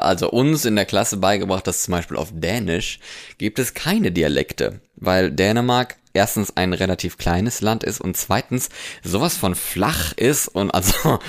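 A man's voice: low voice, vocal fry. A German man chatting casually as a podcast co-host, blunt and jokey, laughing often. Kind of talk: casual chat.

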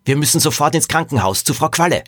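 A man's voice: medium pitch, sing-song, moderate pace, a bit bright, no echo, clean studio sound. A man voicing a clever, secretive boy detective in a read-aloud children's mystery.

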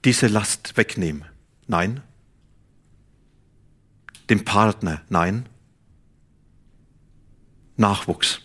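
A man preaching a sermon, emphatic, swinging between loud stresses and hushed moments, addressing a congregation in church. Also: sits low, slightly rough.

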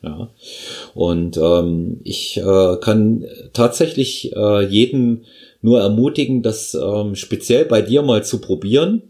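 A man hosting a podcast interview, talking in a halting, affirming way as a fellow trainer. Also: fairly low pitch, mellow.

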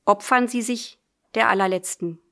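A woman reading as a quiet, stern priest. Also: mid-range voice, normal speed, close to an everyday voice. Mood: solemn. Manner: quiet, firm, gentle. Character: stern but gentle male priest. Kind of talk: audiobook reading.

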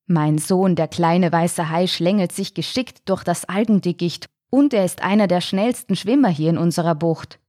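A woman's voice: lowish voice, normal speed, hardly any pauses, dark tone, no room sound, clean studio sound, natural voice. Woman doing a proud, boastful father shark. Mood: proud musing. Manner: gruff, grumbling, self-assured.

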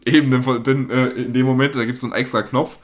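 Animated young man telling a story. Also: medium pitch, fast. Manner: animated storyteller acting out dialogue. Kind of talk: casual anecdote chat.

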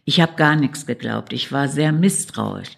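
A woman's voice: extremely low pitch, lively intonation, gravelly. A middle-aged woman, a shaman and psychotherapist, telling her story in an interview in an earnest, reflective way. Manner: earnest, slow and reflective, tags lines with "ne?".

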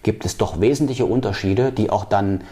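A man's voice: fairly low pitch, dark tone. A man answering interview questions about policy, with frequent fillers and restarts. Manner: halting, many fillers and restarts. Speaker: political candidate.

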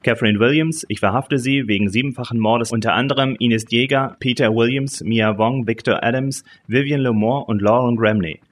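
A man's voice: medium pitch, moderate pace, few pauses, slight background noise, natural voice. A man voicing an aggressive male police detective who barks commands, with music behind. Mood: stern. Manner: barking commands.

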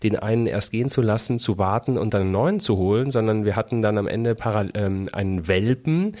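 A man co-hosting a casual podcast chat, talking personally and relaxed, with hesitant fillers. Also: on the low side, fairly quick.

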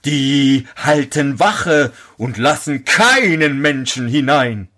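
A huge, grumbling storybook giant, voiced by a man reading the tale. He speaks in slow, drawn-out calls, and his pitch swings widely from phrase to phrase. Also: animated, pushed and bright, full character voice. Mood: warning.

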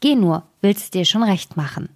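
A woman voicing a silly, cheerful young wife in a fairy tale, in a bright, naive, singsong way. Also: medium pitch, animated, moderate pace.

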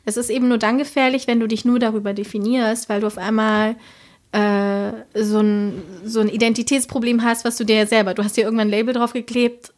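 A woman from Chile, a painter, talking about her art in a relaxed interview, reflective and full of fillers and tag questions. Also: fairly high pitch, fairly quick. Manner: reflective, many fillers and trailing "ne?". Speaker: painter, muralist guest. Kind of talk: casual interview conversation.

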